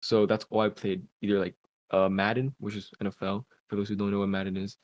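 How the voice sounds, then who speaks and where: He speaks fast and fairly low, his pitch barely shifting, as he spins a long, casual, "like"-filled story. The podcast guest is a content creator in his twenties, Cuban by birth and raised in Pennsylvania, and he's recorded on a podcast call mic.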